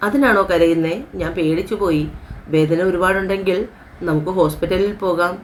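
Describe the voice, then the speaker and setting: A woman voicing a caring young husband who gently reassures his new wife in a story. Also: fairly low pitch, moderate pace, a little hiss or hum, lightly acted. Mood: gentle.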